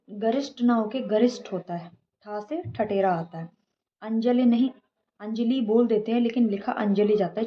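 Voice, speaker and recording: A woman's voice: medium pitch, dull audio. A woman teacher giving a spelling lesson, her voice a little down because she is unwell, repeating each correction and checking in often. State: voice slightly down from feeling unwell. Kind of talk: spoken Hindi spelling lesson.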